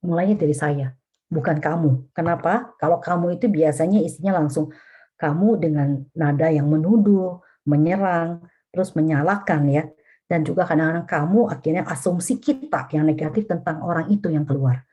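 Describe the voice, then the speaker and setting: A woman's voice: deep voice, moderate pace, mellow, husky, muffled recording. A middle-aged woman, a vicar, teaching a family webinar in a casual, colloquial way, often addressing her listeners directly.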